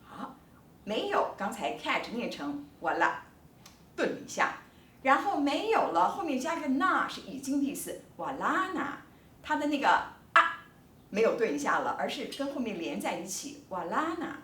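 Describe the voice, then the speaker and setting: Lively, bright-voiced woman lecturing. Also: sits high, reverberant, far from the mic. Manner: animated, emphatic explaining with drawn-out words. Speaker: linguistics professor. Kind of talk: recorded online lecture.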